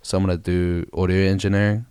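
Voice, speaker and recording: A man's voice: sits low, flat delivery, fast talker, a little mellow, clean tone, no echo, clean studio sound. A young man with a New Zealand accent chatting casually as a rapper guest, laid-back and slangy. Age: young adult. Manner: laid-back slangy talk, says bro a lot. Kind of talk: casual interview chat.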